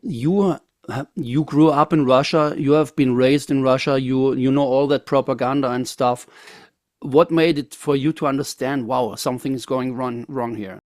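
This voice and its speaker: A German man hosting an interview, not a native English speaker, speaking in a friendly, slightly halting and admiring way. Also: mid-range voice, fairly even intonation, a little mellow, dry recording, studio quality. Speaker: host.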